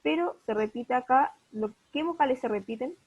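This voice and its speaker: A woman teaching a class over a video call, patiently asking her pupils questions to check they follow. Her voice is somewhat high and a little husky. The sound is dull and lo-fi. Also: normal speed, darkish tone. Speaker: primary school teacher. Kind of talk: online class lesson.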